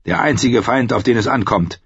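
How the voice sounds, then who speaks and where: A man voicing a stern, curt middle-aged king who speaks in a clipped, commanding way with a husky voice. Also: mid-range voice, normal speed, no room sound, voice pushed up. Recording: dull lo-fi audio.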